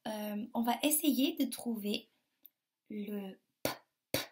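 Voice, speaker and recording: A woman teaches young children phonics, sounding out words slowly with over-articulated, emphatic syllables. Her voice is a little high and warm.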